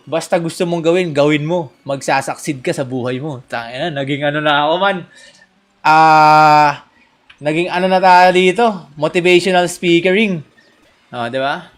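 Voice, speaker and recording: A young Filipino man livestreaming a game in casual commentary, joking, teasing and coaxing, with sudden loud outbursts. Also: high-pitched. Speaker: gaming streamer.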